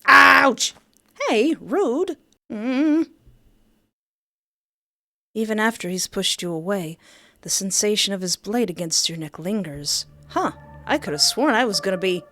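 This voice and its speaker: In studio-quality audio with no room sound, a woman streaming a dating simulator reads narration aloud and breaks into playful, exclaiming reactions, with game music behind her. Her medium-pitched voice is bright and forceful, lively in intonation, at a measured pace with long pauses.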